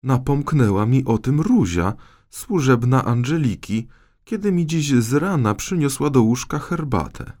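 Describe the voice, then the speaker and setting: A prim, sharp-tongued queen speaks slowly and firmly, pitched a little above the reader's usual voice, as a male narrator puts her on. She lectures like someone used to having the last word in a storybook court. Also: expressive. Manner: firm, lecturing.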